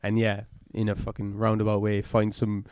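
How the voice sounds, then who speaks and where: A man's voice: on the low side, completely flat delivery, moderate pace, a little mellow, no room sound, clean studio sound. A man co-hosting a podcast in casual chat, thinking aloud in a reflective way with lots of fillers. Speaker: podcast co-host.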